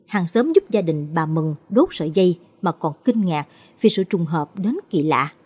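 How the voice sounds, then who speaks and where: A woman narrating a late-night ghost story as scripted narration, reading in a dramatic, expressive way. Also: lowish voice, moderate pace, husky.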